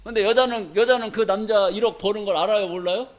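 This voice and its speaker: Preaching in church, this man is emphatic and folksy, repeatedly asking the congregation questions they answer back. He speaks fast in a high-pitched voice, and the sound is lo-fi.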